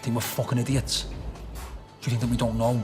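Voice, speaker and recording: A man playing a menacing flat-voiced gangster. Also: mid-range voice, fairly quick, close to an everyday voice. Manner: threatening, sneering. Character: menacing male gangster, contemptuous. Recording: drama clip under music.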